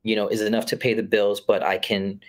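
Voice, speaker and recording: A man's voice: fairly low pitch, flat delivery, brisk. A man in his thirties from Florida, a guest filmmaker talking casually over a video call, laid-back and full of fillers. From Florida, USA. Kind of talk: casual conversation. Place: room with curtained window.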